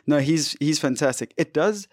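A man's voice: on the high side, moderate pace, a little mellow, no room sound. A young man from Africa, co-hosting a casual podcast chat with dry, teasing banter. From South Africa. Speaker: podcast co-host.

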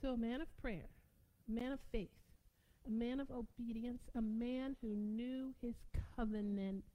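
A woman preaching a sermon, excitable and prone to shouting out her points with sudden bursts. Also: a little high, unhurried, muffled recording.

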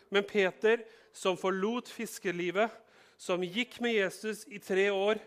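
A male pastor delivers a sermon in a fairly high voice. He preaches in a lively, conversational way, with touches of humor, as if talking directly to each listener. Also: smooth.

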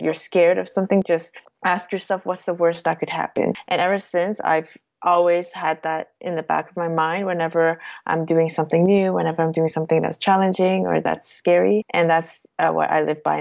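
A woman's voice: lowish voice, vocal fry, a little mellow. A woman in her twenties, a guest in an interview, answering casually with fillers and self-corrections. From Canada. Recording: dull lo-fi sound.

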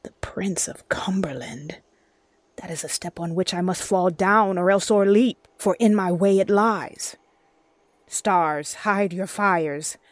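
A woman's voice: mid-range voice, fairly even intonation, takes it slowly, close to an everyday voice. Macbeth, a woman acting a brooding warrior lord. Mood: dark, secretive. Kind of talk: dramatic Shakespearean verse acting.

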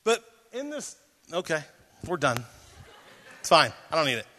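Male pastor, sermon, high bright tone, animated delivery, reverberant hall. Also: unhurried. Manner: animated preaching, reads scripture aloud and jokes with the audience.

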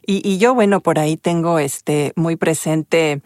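Woman host, mid-pitched, friendly and chatty, lots of fillers, dry close recording. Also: unhurried, no echo. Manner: warm chatty, many fillers like este. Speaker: interviewer. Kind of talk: casual interview.

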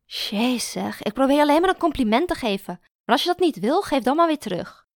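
A woman voicing a blunt, bossy young female art student who talks in a direct, teasing way, in a gravelly voice. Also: fairly high pitch, lively intonation, a little fast, no echo, clean studio sound.

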